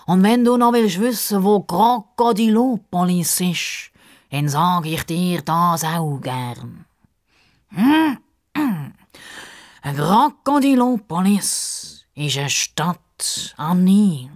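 Storybook crocodile, male, smug know-it-all, slow and lofty, voiced by a woman. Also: fairly low pitch, lively intonation. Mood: pompous. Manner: slow, drawn-out, condescending. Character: pompous self-important male crocodile.

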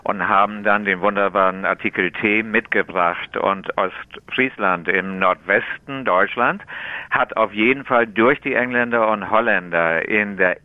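A man's voice: fairly low pitch, dry recording. A man, a tea taster and buyer, joins a radio interview by phone and explains things with enthusiasm and many fillers. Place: in Hamburg, on the phone. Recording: dull, muffled phone line.

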